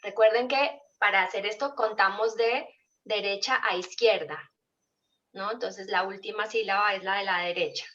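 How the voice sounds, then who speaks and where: A woman's voice: medium pitch, normal speed, a bit bright, muffled recording. A woman teacher giving an online class, explaining patiently and often asking her students questions.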